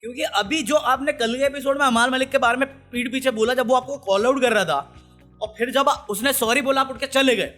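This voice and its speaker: A man's voice: extremely high pitch, a little fast, a bit bright, faint music behind. A man giving blunt, heated, sarcastic commentary on a reality show. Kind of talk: ranting commentary.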